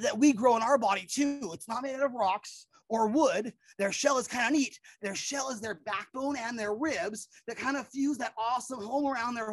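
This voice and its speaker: A woman's voice: on the high side, breathy edge, no echo. A middle-aged woman presenting animals outdoors in a yard, talking casually and enthusiastically with surfer-like slang for an educational reptile show.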